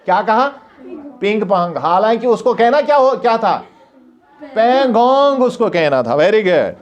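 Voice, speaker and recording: Male teacher, lively sing-song delivery, reads English slowly and explains it, dull recording. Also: sits high. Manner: reads English lines slowly, then explains them in Hindi; asks the class questions and answers them himself.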